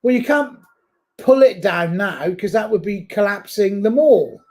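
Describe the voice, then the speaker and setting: A high-voiced man commentates on a live rugby match. He breaks down the play in a chatty way. He gets excited and shouts at the big moments. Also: a little slow.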